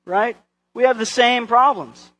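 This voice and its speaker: A man's voice: extremely high pitch, unhurried, fairly bright tone, low-quality recording. A man, preaching a sermon in a conversational way and acting out quotes with playful voices.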